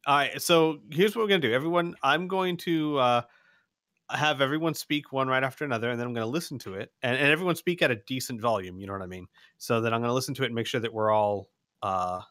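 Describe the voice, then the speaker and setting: A young man who hosts a channel runs a tabletop game session, chatting casually in a rambling, self-deprecating way full of restarts and laughter. He talks fast at a medium pitch with a fairly bright tone, recorded at studio quality with no room sound.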